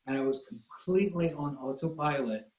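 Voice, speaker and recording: A Scottish man with a fairly high, darkish voice speaks at a moderate pace. He's a guest photographer in a casual online talk, telling rambling stories at his own expense. The room gives the recording a noticeable echo.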